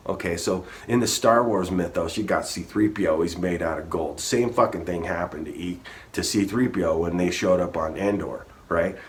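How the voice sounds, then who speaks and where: A man rambling through a history story in a casual, profane rant, restarting often and swearing freely. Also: deep voice.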